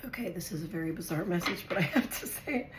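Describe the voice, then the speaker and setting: Raspy and hoarse from a virus, a low-voiced tarot reader talks quickly and expressively as she does a casual reading for viewers. She thinks aloud while drawing cards in a chatty way. Her echoey room carries faint background noise.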